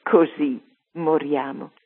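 A man's voice: fairly high pitch, measured pace, breathy edge. A woman reading aloud, voicing a defiant old male shopkeeper facing his execution with a firm voice, heard over a tinny phone-like radio line. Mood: serene.

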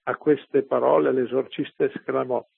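A man's voice: medium pitch, fairly even intonation, moderate pace, creaky, breathy edge, dry recording. A man telling religious stories on the radio in a conversational, sermon-like way, often checking with listeners, over a tinny phone-like broadcast. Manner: conversational, asking listeners "capito?".

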